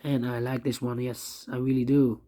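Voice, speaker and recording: A man who has partly lost his voice, walking through a puzzle step by step in halting, repetitive short phrases. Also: mid-range voice, level tone, warm tone. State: lost voice, strained and troubled. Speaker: puzzle tutorial host. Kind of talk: step-by-step puzzle walkthrough, thinking aloud.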